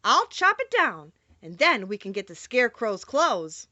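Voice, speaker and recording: A woman's voice: a little high, very animated, measured pace, sharp tone, no echo, dull audio, exaggerated voice. A woman voicing a kindly, sentimental tin man from a storybook, earnest in manner. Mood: resolute.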